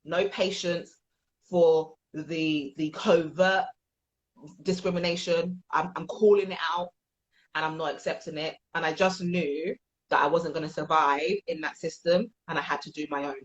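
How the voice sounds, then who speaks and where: Earnest low-voiced woman. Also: steady tone, normal speed. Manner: earnest, emphatic, repeats herself for weight. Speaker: transformational coach. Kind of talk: interview answers. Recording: dull, lo-fi sound.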